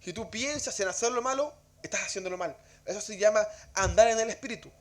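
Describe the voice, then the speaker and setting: Man, high voice, church Bible class teaching, conversational, rhetorical questions. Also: fast.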